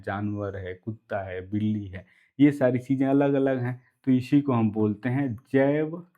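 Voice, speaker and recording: A man's voice: on the low side, phone-quality sound. A man teaching an English class online, explaining step by step, repeating key words and checking in often with listeners.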